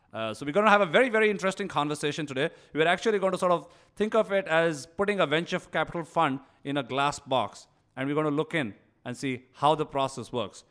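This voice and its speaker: Fast-talking upbeat male radio host. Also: on the high side, fairly bright tone. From India. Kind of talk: radio talk show hosting. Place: radio studio.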